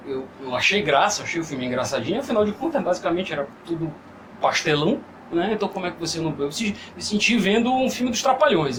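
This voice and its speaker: A man co-hosting a casual group chat about films, talking in long animated runs with many restarts. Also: high-pitched, a little hiss or hum, low-quality recording. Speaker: podcast co-host.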